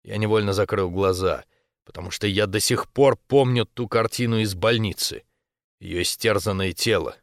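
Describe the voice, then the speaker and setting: A man narrating a first-person romance novel as an audiobook, in a steady, intimate storytelling voice. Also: on the low side, moderate pace, no echo, clean studio sound.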